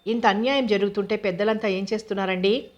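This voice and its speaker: A woman reading as a gentle young wife. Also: mid-range voice, steady tone, fast talker, dull audio, lightly acted.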